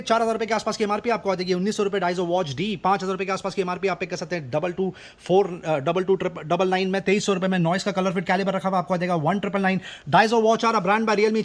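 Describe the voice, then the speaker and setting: A man with an Indian accent giving an overeager, rapid-fire teleshopping sales pitch, insistent and full of repeated stock phrases, as a shop presenter. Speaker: shop presenter selling discounted goods.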